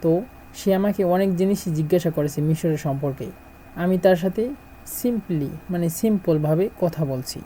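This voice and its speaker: A middle-aged man from Bangladesh, teaching a language lesson and repeating words slowly as he drills them. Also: high voice, warm tone, slight background noise, low-quality recording.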